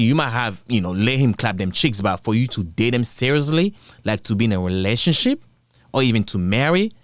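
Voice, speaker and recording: A man with a mid-range voice and no echo hosts a drama channel, reacting bluntly and casually in slangy language. He keeps firing off rhetorical questions.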